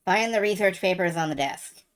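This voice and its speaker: Wry, low-voiced woman gamer. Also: moderate pace. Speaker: let's player. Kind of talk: casual game commentary.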